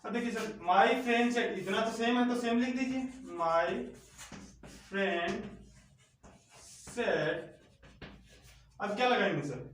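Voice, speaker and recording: A man with a Hindi accent teaching English grammar step by step, repeating key words slowly and asking questions of his students. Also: very high-pitched, fairly bright tone, far from the mic. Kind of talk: slow step-by-step online lesson. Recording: echoey room, off-mic, faint noise.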